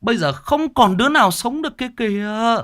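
A man voicing a smug village onlooker who scolds in a high, told-you-so tone. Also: animated, brisk, fairly bright tone. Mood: smug scolding.

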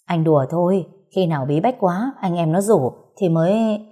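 A doting young husband, a tough man who jokes and brags to make his wife laugh, read by a woman narrator. The voice stays low and mellow, close to the reader's own voice. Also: normal speed, natural voice. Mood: joking.

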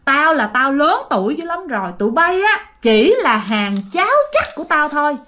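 A woman voicing a centuries-old male ghost who shouts threats in a very old-sounding voice. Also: high voice, very animated, normal speed, slight background noise, pitched above the performer's own voice, heavily acted. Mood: boastful. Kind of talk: told ghost story.

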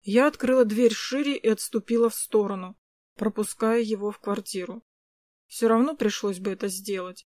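A woman narrating a first-person story in lively audiobook style with acted dialogue. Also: mid-range voice, moderate pace, no room sound.

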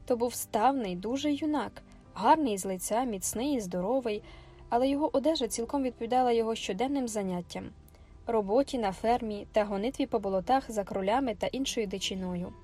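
A woman narrating a classic novel as an audiobook in a measured, expressive way. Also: fairly high pitch, soft background music. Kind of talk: scripted literary narration.

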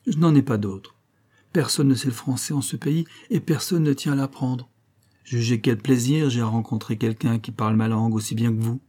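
A man's voice: medium pitch, normal speed, dark tone, close to an everyday voice. A man voicing an affected middle-aged woman posing as a Parisian countess, with a theatrical, wistful, mock-aristocratic manner. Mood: scornful.

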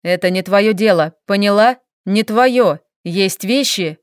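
A woman voicing a stern, guarded young woman in an audiobook, speaking in a sharp, reproachful way. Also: medium pitch, a little slow, clear, resonant tone, no echo, studio quality, natural voice. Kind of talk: audiobook character reading.

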